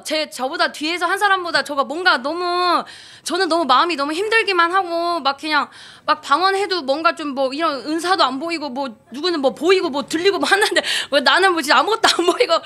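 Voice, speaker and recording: Woman, 30s, high bright voice, rambling church testimony with frequent restarts. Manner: rambling, many fillers and restarts, laughs often. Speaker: church member giving testimony. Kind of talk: spontaneous testimony talk. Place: church gathering.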